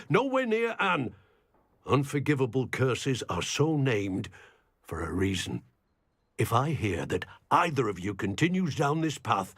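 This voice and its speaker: An actor voicing a stern, indignant older uncle in a video game, commanding and moralizing like a strict family patriarch. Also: male voice, mid-range voice, fairly bright tone, slightly rough, no room sound, studio quality, full character voice. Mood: stern warning. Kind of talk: dramatic video game dialogue.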